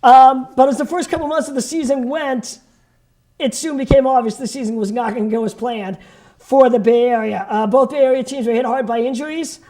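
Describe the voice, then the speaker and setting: A man's voice: very high voice, fairly even intonation, fairly quick, warm tone. A man co-hosting a sports show, recapping the baseball season fluently and with enthusiasm.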